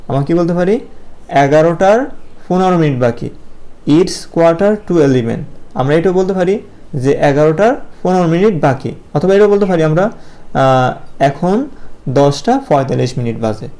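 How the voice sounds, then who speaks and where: A man with a Bangladeshi Bengali accent teaches young pupils in a video lesson, explaining slowly and patiently, posing questions and answering them himself, with many filler pauses. His voice is a little high and mellow.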